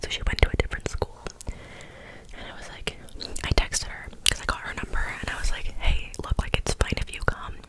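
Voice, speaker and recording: A woman's voice: normal speed, poor audio. A woman in her twenties whispering breathily through cupped hands close to the microphone, telling a casual, rambling ASMR story. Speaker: ASMR video creator. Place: small bedroom, indoors. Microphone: close desktop condenser microphone.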